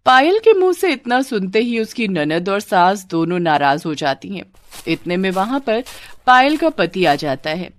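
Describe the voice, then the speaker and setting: A woman telling a cartoon story in steady scripted narration. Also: medium pitch, measured pace.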